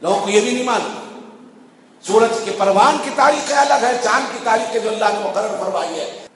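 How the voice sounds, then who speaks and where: A man preaching a Friday sermon, impassioned, repeating his phrases and rising to shouts. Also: high-pitched, animated. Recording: echoey hall with faint background noise.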